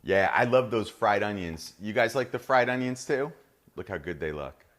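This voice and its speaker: A man's voice: fairly low pitch, animated, normal speed, a bit bright. A middle-aged man with a New Jersey accent, hosting a live cooking demonstration in an upbeat, chatty way and talking straight to viewers. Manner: upbeat, chatty, addresses viewers as "you guys". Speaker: cooking show host.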